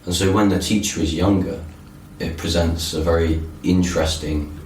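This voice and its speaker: A man's voice: deep voice, fairly even intonation, normal speed, a little mellow. A man with a Cornish accent from southwest England who says th as f, chatting casually in a hesitant way. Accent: southwest English, Cornwall. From Cornwall, southwest England. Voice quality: pronounces th as f. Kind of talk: casual chat. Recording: roomy echo, distant mic, faint noise.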